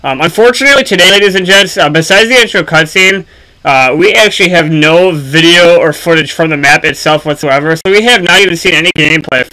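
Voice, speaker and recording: This man offers casual, unscripted gaming commentary for a video, talking haltingly with lots of ums and pauses. His voice is a little high with a sharp tone, and the recording quality is poor.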